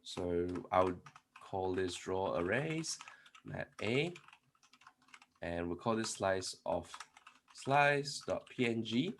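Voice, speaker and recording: At a programming conference, a man gives a live-coding talk, typing code as he explains each step, often restarting and posing rhetorical questions. His low voice is animated but slow, with long pauses and slight background noise. He is not a native Polish speaker.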